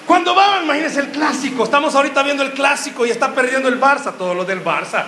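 A man's voice: very high-pitched, fast, pushed and bright, slight background noise. A young man preaching a sermon to a congregation, joking and quizzing the crowd with questions. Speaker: youth preacher. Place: church hall with a live congregation. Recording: roomy church hall echo.

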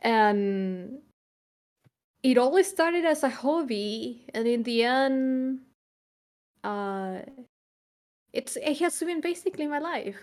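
A young woman from Chile chatting on a podcast in a slightly high voice. She talks reflectively and loosely, pausing on fillers and restarting her sentences as she goes. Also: lively intonation, darkish tone. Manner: reflective, rambling with frequent fillers. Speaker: podcast co-host. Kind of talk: casual podcast chat.

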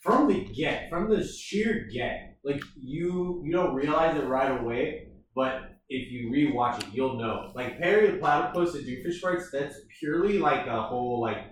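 A man's voice: mid-range voice, expressive, moderate pace. Man, casual chat, filler-heavy, heavy room echo, faint background noise. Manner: loose, filler-heavy, lots of "like". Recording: roomy echo, distant mic, faint noise.

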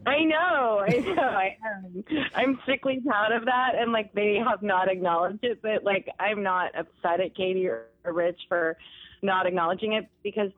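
Woman, speakerphone call, thin phone-line sound, chatty, giggly, filler-heavy, medium pitch. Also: normal speed. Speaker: guest commenter interviewed by phone. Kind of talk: casual phone interview.

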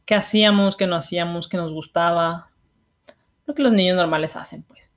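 A young woman with a Mexican accent hosts a casual podcast. Her voice is a little on the low side, and she speaks informally with everyday slang. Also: fairly even intonation, brisk. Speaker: podcast host. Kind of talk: casual chat.

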